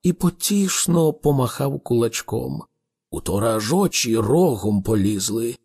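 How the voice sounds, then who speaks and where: A male narrator tells the story slowly and expressively. His voice is gravelly and husky, with a lively rise and fall. The delivery is unhurried, like a patient storyteller. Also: mid-range voice. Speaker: audiobook narrator. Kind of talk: audiobook narration.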